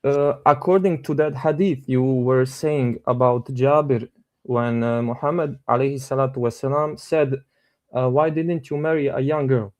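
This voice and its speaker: A man's voice: fairly high pitch, a little mellow. A man in his twenties with a Bosnian accent, calling in to a debate show and explaining his point politely and hesitantly. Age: 20s. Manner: hesitant, polite, full of uh fillers. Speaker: caller. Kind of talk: debate call-in.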